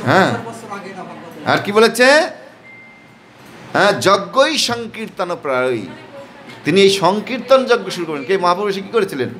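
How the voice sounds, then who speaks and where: A man with a Bengali accent delivers a devotional sermon in a slightly high voice. He asks rhetorical questions and answers them himself with emphatic repeated "yes". Faint ambient noise sits behind him. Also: a bit bright. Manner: leads crowd in call-and-response chanting. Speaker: preacher.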